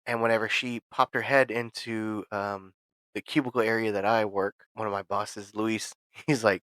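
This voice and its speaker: A young man co-hosting a casual podcast, talking in a relaxed way with many fillers and laughs. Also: lowish voice, normal speed, no echo. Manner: easygoing, filler-heavy, laughs often. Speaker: podcast co-host. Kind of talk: casual chat.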